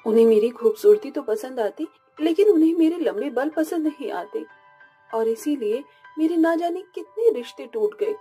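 A woman voicing a meek young bride in an animated story, soft and pleading. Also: high voice, normal speed, soft background music.

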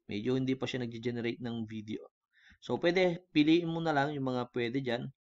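A man with a Filipino accent talking through a software tutorial in a casual way, switching between Tagalog and English and often checking in with the viewer. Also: medium pitch, steady tone, normal speed, muffled recording. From Philippines. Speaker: online tutorial host. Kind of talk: screen-recorded software tutorial.

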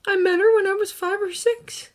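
A woman voicing an earnest teenage boy who sees ghosts, speaking softly and haltingly in a fan fiction audiobook reading. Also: very high voice, steady tone, voice pushed up. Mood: tender. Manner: soft, halting, emotional.

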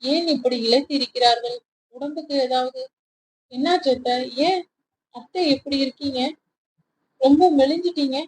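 A woman's voice: sits high, moderate pace, long pauses, slight background noise, natural voice, rough recording. A woman voicing a hurt, resentful young woman office worker, speaking in a wounded, questioning way. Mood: concerned.

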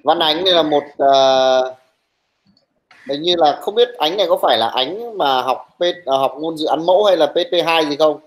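A young male teacher running an online class, brisk and teasing, who scolds his students bluntly while taking attendance. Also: fairly high pitch, poor audio.

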